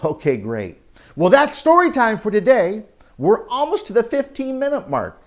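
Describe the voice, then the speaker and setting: This high-pitched male speaker entertains and instructs children through Bible talk and stories. He's animated in his telling, leaning on dramatic pauses and quizzing his young audience along the way.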